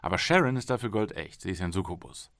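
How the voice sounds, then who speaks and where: A weary, defensive journalist answers with irritation in a storybook reading, as a male reader voices him. His voice is lower and close to the reader's own, with a lively pitch, in a dry room. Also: fast talker, no echo. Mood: irritated. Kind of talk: audiobook reading.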